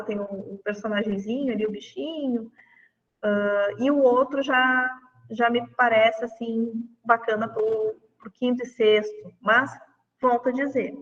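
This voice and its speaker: A woman's voice: a little high, fairly bright tone, long reverb tail, recorded from a distance, lo-fi sound. A woman teacher, walking colleagues through classroom games in an online lesson, chatty and full of fillers. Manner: chatty, demonstrates games on screen with many fillers.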